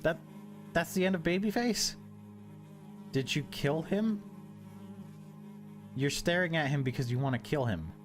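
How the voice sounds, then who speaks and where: A man with a fairly high, lively voice hosts a gaming video, playing a horror visual novel with game music behind him. He reads the game text dramatically, then shifts to casual commentary, at a measured pace with long pauses.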